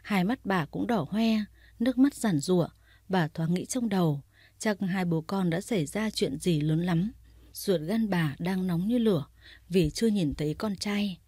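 A woman reading a story aloud in a steady, even narrating voice. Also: fairly low pitch, measured pace, slightly rough, dry recording, studio quality.

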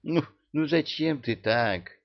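A man's voice: a little high, expressive, slow, dull audio, voice pushed up. A man voicing a doting old witch woman who coos and fusses in an audiobook. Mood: cooing. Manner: cooing, fussing.

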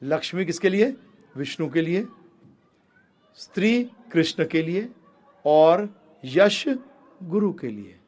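Man preaching with loud emphatic peaks. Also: animated. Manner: swings between loud emphatic peaks and low quick asides; addresses listeners as prabhu ji. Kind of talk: Gita discourse.

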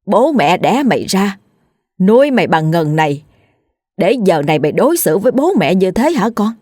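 A woman's voice: on the low side, lively intonation, moderate pace, a little mellow, no room sound, clean studio sound. A woman voicing a stubborn, scolding old village mother in a spoken ghost story. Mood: wailing. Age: older. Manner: nagging, scolding.

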